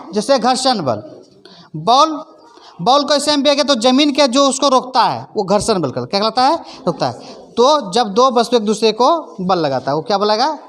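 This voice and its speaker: A woman teacher explaining a lesson in plain, repetitive phrases, often checking that her pupils understand. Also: a little high. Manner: leads call-and-response recitation. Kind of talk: classroom lesson. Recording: faint background noise.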